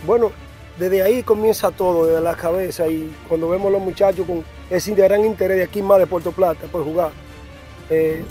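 A middle-aged Dominican man, a team general manager, earnestly answers interview questions outdoors at a baseball field on a lapel mic, repeating himself. He has a Dominican Spanish accent and a high, warm, steady voice at normal speed, with faint music behind.

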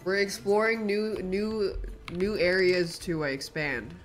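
A woman streamer giving casual, excitable commentary on a video game, swearing and blurting out exclamations. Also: mid-range voice, measured pace. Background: faint game music.

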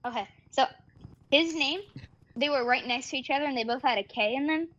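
A woman's voice: sits high, a little fast, fairly bright tone, muffled recording. A woman chatting casually and playfully as she plays a video game with friends. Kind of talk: casual gaming chat.

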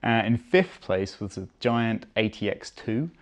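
A man reviewing bikes in casual chat, relaxed and agreeable with lots of fillers, recorded in an office. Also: on the low side, measured pace. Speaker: bike tester. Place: office with bike on display.

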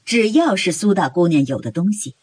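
A woman audiobook narrator tells a novel with dramatic, expressive storytelling, her husky, slightly low voice swinging lively in pitch. She reads fairly quickly, and the recording is dry and close with no echo.

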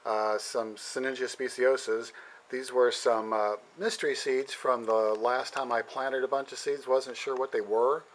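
Holding a handheld camera, a middle-aged home plant grower gives a casual, halting tour of his indoor basement grow shelves, saying "um" a lot and often clearing his throat. His voice is medium-pitched with a steady tone.

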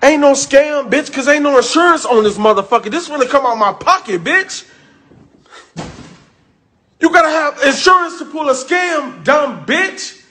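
A man with a strikingly high voice, pouring out a furious, profane rant as a landlord. He lurches between raw shouting and low, bitter muttering, and his voice keeps cracking with tears. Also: animated, normal speed. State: emotionally overwrought, voice breaking with tears. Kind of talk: angry venting rant.

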